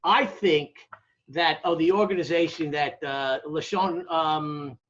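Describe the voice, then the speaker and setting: An American demographer speaks slowly in a slightly high, fairly bright voice during a conversational interview. His academic explanations are emphatic and didactic, with frequent check-ins and rhetorical questions, captured on dull, lo-fi audio.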